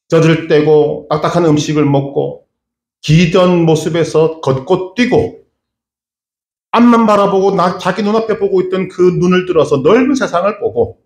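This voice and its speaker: A middle-aged man preaching a sermon in a roomy church, his slightly raised voice rising and falling with lively swings. He speaks with earnest conviction, pressing the congregation with questions. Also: high-pitched. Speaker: pastor. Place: church sanctuary.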